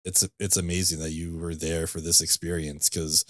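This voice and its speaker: A man's voice: low-pitched, level tone, moderate pace, no room sound. A man hosting a podcast, talking casually and enthusiastically about a movie, laughing often. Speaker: podcast host. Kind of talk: casual chat.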